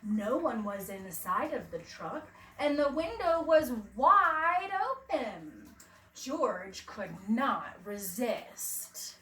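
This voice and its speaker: A preschool teacher reads a children's picture book aloud very slowly in a high-pitched voice, expressive and dramatic in emphasis, asking the young listeners questions. The recording is roomy, from a distant mic, with faint background noise.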